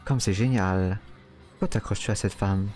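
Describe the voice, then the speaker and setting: A man reading out a cruel, mocking male inner voice in a visual novel, taunting slowly and coldly. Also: on the low side, darkish tone, faint music behind, natural voice.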